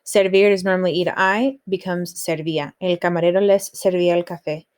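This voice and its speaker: A woman's voice: lowish voice, steady tone, fairly quick. A woman teaching a recorded lesson on Spanish grammar, explaining rules steadily and reading example sentences aloud.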